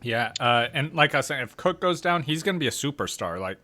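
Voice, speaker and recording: A man co-hosting a casual fantasy football podcast over a video call from work on his lunch break, relaxed and quick to laugh. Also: mid-range voice. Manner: relaxed, laughs often, jokey. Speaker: podcast co-host.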